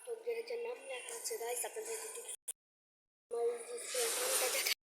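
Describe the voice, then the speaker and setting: A fairly high-voiced woman gives a casual, hushed vlog tour on a handheld phone. Her voice echoes off the bare walls of a garage under a home building. Steady loud noise sits behind her words. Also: fairly quick. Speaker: student vlogger.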